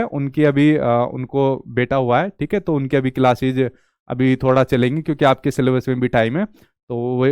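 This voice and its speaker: A male teacher lecturing, smooth tone. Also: mid-range voice, a little mellow, dry recording. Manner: repeats questions to the class and answers them. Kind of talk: online exam-prep lecture.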